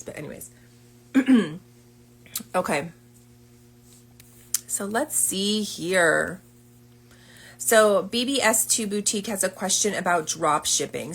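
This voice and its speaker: A woman's voice: medium pitch, a little slow, pauses often, a bit bright, breathy edge. A woman business coach chatting casually on a livestream, upbeat and full of fillers.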